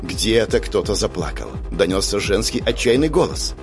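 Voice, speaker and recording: Expressive male audiobook narrator. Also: fairly low pitch, moderate pace. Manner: expressive, lively storytelling. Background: music.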